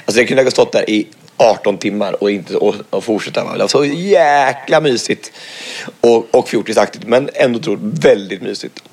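A man with a naturally hoarse voice, co-hosting a casual podcast chat and talking freely with many fillers and repeats. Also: on the low side, expressive. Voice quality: always hoarse. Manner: chatty, lots of filler words and repeats.

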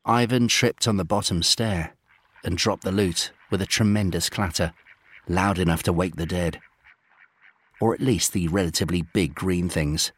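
A man reading a children's space adventure aloud in steady, gently dramatic storybook narration. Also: sits low, moderate pace, slightly rough.

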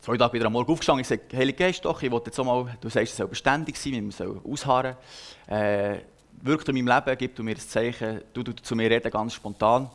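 A man's voice: mid-range voice, quick pace. A young man with a Swiss accent gives a personal sermon, telling a story in an earnest, conversational way with frequent hesitations. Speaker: preacher.

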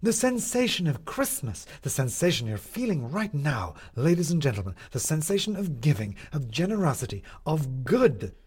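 A man reading a story, voicing a grandiose male showman who milks a crowd with drawn-out proclamations. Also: big pitch swings, darkish tone, husky. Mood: theatrical. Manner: theatrical, booming, drawn-out proclamations.

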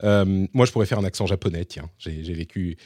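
A man from Lebanon hosting a casual tech podcast, chatty and animated, often restarting his sentences. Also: deep voice, a little fast, no room sound, clean studio sound. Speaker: podcast host.

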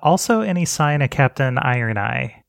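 A man playing a tabletop game, eagerly planning moves out loud. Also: mid-range voice, sing-song, normal speed, vocal fry, dry recording, clean studio sound. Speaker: player. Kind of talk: casual tabletop play.

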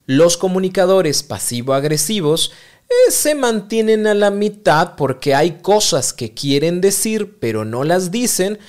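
A man's voice: fairly high pitch, darkish tone. A man with a Mexican accent hosting a podcast, talking straight to the listener and explaining ideas through small acted-out exchanges. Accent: Mexican Spanish. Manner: speaks directly to the listener and acts out little dialogues. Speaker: podcast host.

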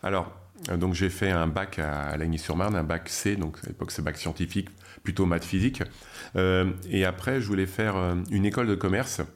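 A man's voice: deep voice, steady tone, fairly quick. A middle-aged man from France, a guest telling his career story in a chatty way, with many fillers and restarts. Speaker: guest, media founder. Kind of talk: interview storytelling.

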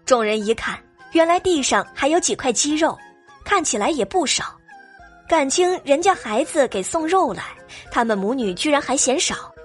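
A woman's voice: high voice, lively intonation, moderate pace, soft background music. A woman narrating an audio drama expressively.

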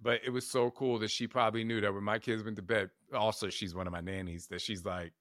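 Low-voiced guy talking self-help on his podcast, chatty, lots of "like," dry close sound. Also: fairly even intonation, fast talker, a bit bright, no room sound. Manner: casual, conversational, full of "like" and asides, coaching listeners with questions. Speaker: podcast host. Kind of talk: reflective self-help monologue.

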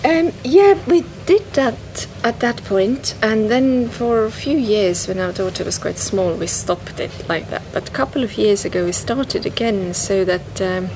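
In a busy, noisy bookshop, an Estonian-native woman with a medium-pitched voice reflects as a guest on a poem. Her manner is thoughtful but halting, full of pauses, restarts, and frequent "you know"s.

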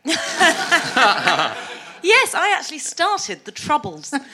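A woman's voice: high voice, huge pitch swings, slow pace, noisy background. A woman telling wry, joking anecdotes as a guest on a comedy panel. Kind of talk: humorous anecdotal panel chat.

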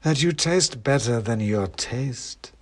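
A man voicing a sly, taunting giant male cat, speaking in a slow, throbbing, whispery voice as he reads an audiobook. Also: medium pitch, lively intonation. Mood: mocking. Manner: slow, drawn-out, mocking. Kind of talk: audiobook reading.

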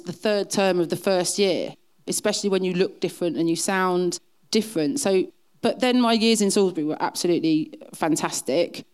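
Middle aged essex woman chatting away, smooth lowish voice, poking fun at herself telling stories. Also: darkish tone. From south-east England. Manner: chatty, self-deprecating. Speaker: interview guest. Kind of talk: casual anecdotal chat.

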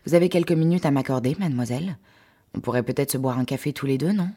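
A woman's voice: very deep voice, fast talker, dark tone, husky, full character voice. A woman voicing a pushy, creepy, skinny young man in her story, speaking insistently and smarmily. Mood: smarmy.

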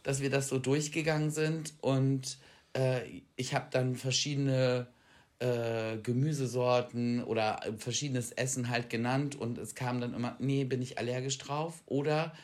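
A man co-hosting a relaxed chat podcast. He tells stories with energy, getting loud one moment and quiet the next, and often pokes fun at himself. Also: mid-range voice, unhurried. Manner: animated storytelling, jumps between loud and quiet; self-deprecating. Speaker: podcast co-host. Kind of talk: casual chat.

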